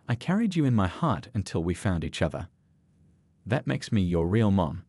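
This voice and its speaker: Man voicing a caring mom, gentle but firm, storybook, dry close sound. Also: low voice, big pitch swings, moderate pace, breathy edge, dry recording, heavily acted. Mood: tender. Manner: gentle, reassuring.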